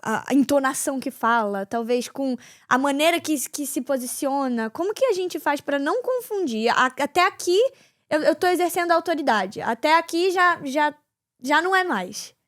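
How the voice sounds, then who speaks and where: A woman's voice: high voice, expressive, moderate pace, no room sound, studio quality. A woman host with a Brazilian Portuguese accent, interviewing with enthusiastic affirmations. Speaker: podcast host. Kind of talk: interview chat.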